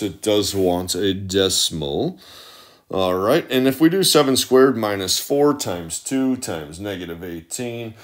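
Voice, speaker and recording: A man teaching math as a voice-over, walking methodically through each step out loud. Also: deep voice. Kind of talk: step-by-step tutorial narration.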